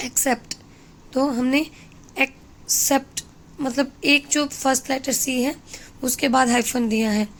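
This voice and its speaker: A woman teaching an English lesson, explaining slowly and mixing in Hindi. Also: sits high, slight background noise.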